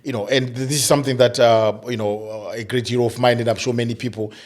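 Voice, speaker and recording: A man's voice: mid-range voice, steady tone. A middle-aged man from Zimbabwe, a guest in an interview, speaking thoughtfully with many restarts and repeated fillers. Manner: thoughtful, halting, many restarts and "you know". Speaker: guest, diversity and inclusion coach. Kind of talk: conversational interview.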